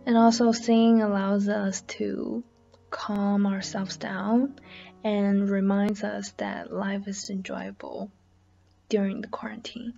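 Woman from Taiwan, slow, gravelly, lo-fi. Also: mid-range voice, flat delivery, dark tone, faint music behind.

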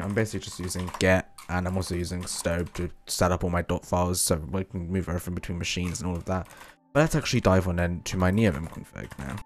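Brief: young male tech YouTuber, low voice, rapid chatty walkthrough with fillers. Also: darkish tone. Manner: quick, chatty, with fillers and self-corrections. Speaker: programming YouTuber. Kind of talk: casual screen-recorded walkthrough.

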